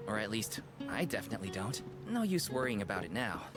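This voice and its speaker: An actor voicing an eager young male hero of a video game, in an earnest, lively manner. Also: on the low side, fast talker, over music.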